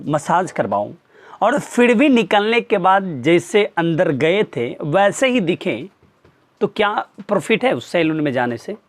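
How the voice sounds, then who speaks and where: A man, a teacher, earnestly lecturing his students with pointed rhetorical questions. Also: high voice. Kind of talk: motivational talk to students.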